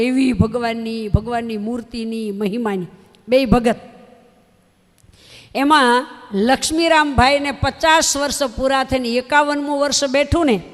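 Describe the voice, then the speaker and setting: A woman tells a devotional story in a sermon, in a folksy, emphatic way, turning often to her listeners. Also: high-pitched. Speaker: religious storyteller. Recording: long hall reverb.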